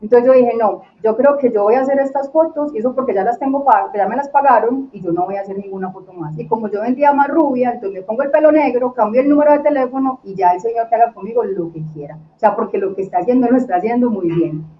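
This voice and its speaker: A woman, a podcast guest telling her own story in a casual, lively way and acting out what people said to her. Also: fairly high pitch, fast, few pauses, roomy sound. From Colombia. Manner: lively, acts out quoted dialogue. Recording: dull lo-fi recording with faint noise.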